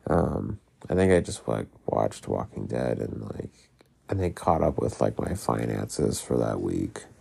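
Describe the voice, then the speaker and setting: A man with a gravelly, phlegmy voice, congested from being sick, talking casually about his life in a halting, rambling way. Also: a bass voice, very animated, darkish tone, slight background noise. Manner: halting, rambling, heavy use of "like"; casual swearing. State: sick, congested with mucus in throat. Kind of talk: casual personal diary-style talk.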